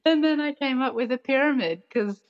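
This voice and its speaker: A woman's voice: sits high, a little fast, muffled recording. A woman chatting casually as a podcast guest, playful and giggly, sprinkling her talk with "like". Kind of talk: casual chat.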